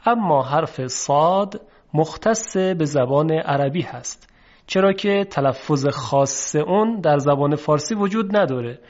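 Persian guy teaching quran letter sounds, kinda high voice, slow and careful, dull lo-fi audio. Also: expressive, darkish tone. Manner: slow, measured explanation with drawn-out example words. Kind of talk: recorded lesson on Arabic letter pronunciation. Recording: dull lo-fi recording.

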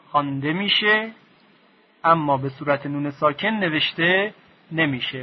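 A man teaching a recorded lesson on Quran recitation, speaking slowly, repeating his definitions and drilling sounds aloud. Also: a little high, breathy edge, highs cut off.

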